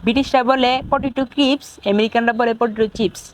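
A woman reading a scripted vocabulary lesson in a measured, deliberate way. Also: a little high, steady tone, noisy background.

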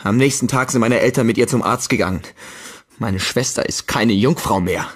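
A bitter young man full of barely held-back rage, as a male audiobook narrator reads him. He talks cold and curt, with a somewhat lowered, menacing edge. His pitch sits in an ordinary middle range. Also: moderate pace, breathy edge, lightly acted. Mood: cold menace.

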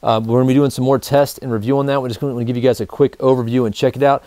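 Racing through a product demo to camera, a gear review host in his thirties keeps things informal and colloquial, calling his viewers "guys." His mellow voice sits at medium pitch with a steady tone, recorded dry in an indoor studio with a backdrop.

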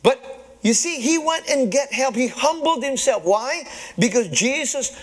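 High-voiced pastor chuckling through his sermon. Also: animated, a little slow. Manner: chuckles often between phrases; calls out to the congregation. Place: church service before a live congregation.

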